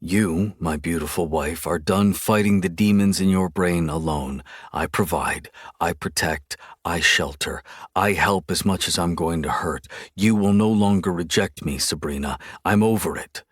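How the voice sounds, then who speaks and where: A man reading a deep-voiced domineering husband. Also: a little slow, hardly any pauses, slightly rough, dry recording, studio quality. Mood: commanding. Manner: firm, commanding, clipped declarations. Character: possessive, domineering adult husband. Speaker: audiobook narrator voicing male characters. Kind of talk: audiobook character reading.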